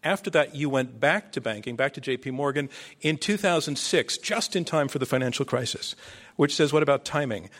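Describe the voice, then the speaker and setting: A man's voice: mid-range voice, expressive, fairly quick, fairly bright tone. A man hosting a live debate on stage as moderator, introducing and questioning guests, with an audience behind him.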